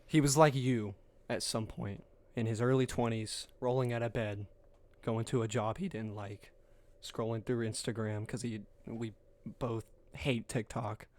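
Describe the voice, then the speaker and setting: A man's voice: mid-range voice, fairly even intonation, unhurried, darkish tone. A man in his late twenties co-hosting a podcast in casual chat, laid-back and jokey, laughing often and swearing. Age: late 20s. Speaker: podcast co-host.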